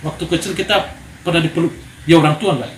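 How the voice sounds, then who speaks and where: Man, sermon, animated storyteller, calls for amen, raised pitch, roomy echo. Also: quick pace. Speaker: preacher at a men's gathering. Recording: echoey room with background noise.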